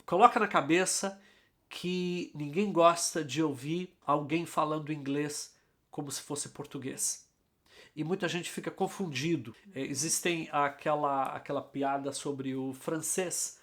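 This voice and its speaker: A man's voice: on the high side, measured pace, fairly bright tone. A man hosting an English lesson, talking in an emphatic, conversational way. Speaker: English teacher, host. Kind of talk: casual teaching talk.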